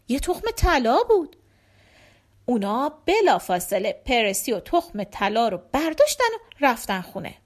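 A woman narrating a folk tale for children, expressive and animated. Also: fairly high pitch. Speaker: storyteller. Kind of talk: storybook narration.

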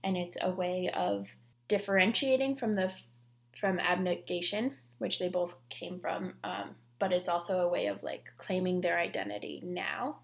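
Woman, podcast co-host, casual chat, creaky, gravelly, many "like" fillers. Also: lowish voice, normal speed. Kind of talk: casual chat about scripture and fiction.

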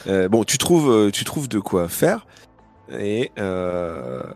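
A man's voice: lowish voice, big pitch swings, takes it slowly, a little mellow, faint music behind. A man narrating as game master of a tabletop game in a loose, chatty way. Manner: loose, chatty, many fillers.

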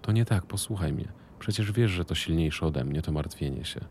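A man's voice: sits low, normal speed, a little mellow, a little hiss or hum. A man voicing a middle-aged woman who runs a business and worries about her son, speaking firmly and guardedly. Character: middle-aged woman boss, anxious protective mother.

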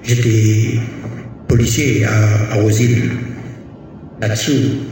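A man with a Réunionese French accent gives a halting, repetitive sermon with Arabic devotional phrases. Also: fairly low pitch, level tone, background noise. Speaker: Sufi preacher. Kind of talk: sermon with anecdote. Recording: echoey hall from far off, faint ambience.

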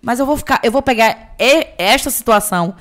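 A woman with a Brazilian Portuguese accent chats informally, her voice a little high and her words tumbling out quickly. She keeps the talk lively, jumping in with quick interjections. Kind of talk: casual opinion chat.

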